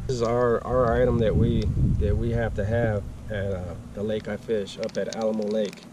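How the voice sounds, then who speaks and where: This Arizona fishing vlogger, in his forties, opens new gear outside next to a boat, chatting in a relaxed, eager way full of filler words. His voice is on the low side, level in tone and moderately paced, recorded on camera outdoors with background noise.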